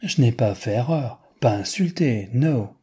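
A man reading aloud, voicing an earnest American gentleman who speaks slow, halting, simple French. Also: medium pitch, expressive, husky. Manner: slow, hesitant, simple words.

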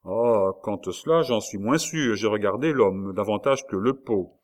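A fussy, frail older official exclaims and lectures with self-important pomp, as a man reads him in a storybook. The voice sits low and carries a proud, prim edge. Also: a little slow, close to an everyday voice. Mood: pompous. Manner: pompous, exclaiming.

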